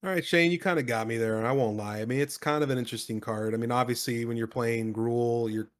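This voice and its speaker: A man with an average-pitched voice co-hosts a card game stream. He switches between reading cards aloud and casual chat, keeping it enthusiastic and full of informal slang. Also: fairly even intonation, quick pace.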